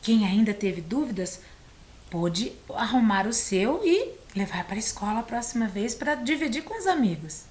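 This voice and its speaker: A Brazilian woman teacher giving a video lesson to young children, patient and encouraging, sounding out words slowly. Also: fairly high pitch, sing-song, darkish tone. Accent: Brazilian Portuguese. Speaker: primary school teacher. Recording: echoey room.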